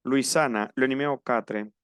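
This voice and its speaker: A man's voice: mid-range voice, unhurried, fairly bright tone, clear, resonant tone, no echo, clean studio sound. A man teaching a French class to Spanish speakers, explaining patiently and spelling out pronunciation. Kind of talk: online class instruction.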